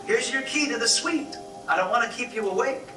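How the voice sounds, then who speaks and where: A man's voice: extremely high pitch, a little fast. A man voicing a hotel front desk woman who is chirpy and overly pleasant. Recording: echoey room, distant mic, music behind.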